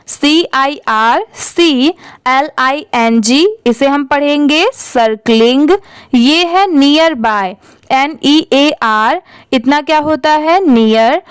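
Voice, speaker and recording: A high, bright-toned Indian woman teaches reading at an unhurried pace. She spells each word letter by letter, then says it, often asking her students how to read it before she answers. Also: dry recording, low-quality recording. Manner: spells words letter by letter, then reads them; asks and answers her own questions. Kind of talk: slow spelling-out lesson.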